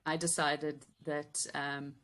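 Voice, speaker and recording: Her low, steady voice carries a Yorkshire accent mellowed by time spent in South Africa; she is a business coach in her fifties from Yorkshire, England. As a guest in a casual interview, she comes across as warm, chatty and reflective, often pausing on ums and laughing lightly.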